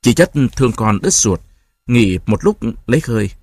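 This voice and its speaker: Expressive male audiobook narrator. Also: medium pitch, moderate pace, slightly rough, no room sound, clean studio sound.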